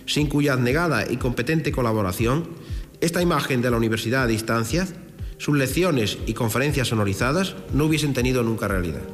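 A man's voice: medium pitch, expressive, brisk. Man, solemn formal speech, long reverb, faint music. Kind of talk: archival ceremonial speech.

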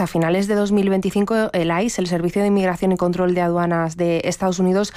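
A woman hosting a radio news interview, speaking in a clear, scripted way. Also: lowish voice, a little mellow, no echo. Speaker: radio host.

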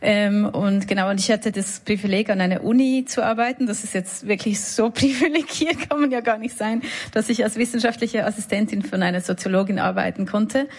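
A Swiss woman musician with a Swiss German accent gives a casual radio studio interview in a medium-pitched, brisk voice. She comes across as reflective and self-deprecating, laughing between her words.

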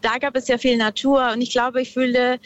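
A woman from Peru, calling in to a radio show from her car and speaking slowly and thoughtfully, with many pauses. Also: a little high, level tone, muffled recording. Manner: slow, thoughtful, hesitant. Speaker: caller. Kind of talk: radio call-in.

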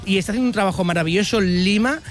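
A man's voice: high-pitched, faint music behind. A man interviewing passers-by on a city street in a chatty, teasing way. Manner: chatty, teasing, quick asides. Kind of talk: playful street vox pop.

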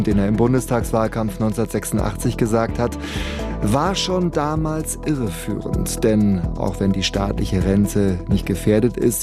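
A man hosting a morning news show, announcing in a brisk, friendly way. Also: fairly low pitch. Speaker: morning radio host. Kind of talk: news presenting. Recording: music bed under voice.

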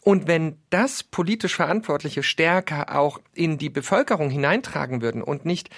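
A man in an earnest discussion, pausing often on fillers and acting out little quotes as he argues. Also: on the high side, lively intonation, a bit bright, no echo, clean studio sound. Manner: earnest, many filler pauses, acts out quotes. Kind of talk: conversational discussion.

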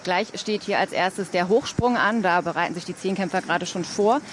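A woman giving a lively, spontaneous live radio report from a stadium. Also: on the low side, brisk, a little hiss or hum.

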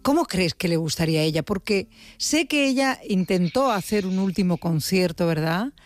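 A woman hosting a radio interview, asking questions in a warm, encouraging way. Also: on the low side, animated, normal speed, dry recording. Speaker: radio host.

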